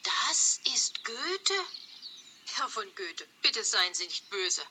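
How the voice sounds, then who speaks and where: A woman's voice: mid-range voice, sing-song, takes it slowly, noisy background. An actress playing an apologetic middle-aged mother of a tourist family. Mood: pleading.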